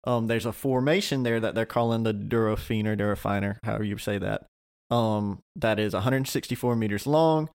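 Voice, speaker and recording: A man's voice: mid-range voice, a little fast, darkish tone. A man co-hosting a casual faith podcast, reading an article aloud, tripping over hard names and dropping jokey asides. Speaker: podcast co-host.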